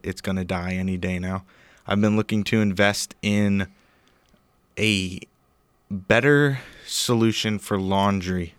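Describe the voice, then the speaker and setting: Rambling low-voiced young male podcast host. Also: clean tone, no room sound. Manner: rambling, jokey, trails off into mumbles. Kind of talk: casual podcast chat.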